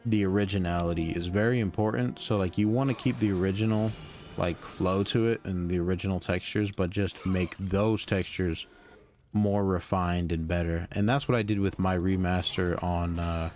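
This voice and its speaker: A man's voice: deep voice, steady tone, normal speed, a little mellow, soft background music. A tired young man casually commenting while streaming a video game, rambling with lots of fillers and restarts. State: tired, yawning.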